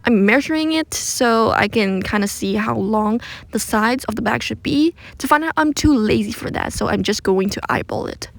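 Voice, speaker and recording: Woman, casual craft tutorial narration, recorded under a blanket, dry close sound, noticeable vocal fry, self-deprecating. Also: on the high side, expressive, normal speed, dry recording. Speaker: craft video creator narrating a DIY attempt.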